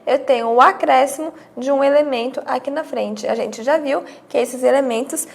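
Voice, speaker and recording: A woman's voice: high voice, normal speed, gravelly. A woman teaching a grammar lesson, explaining step by step with rhetorical questions and acting out her students' questions.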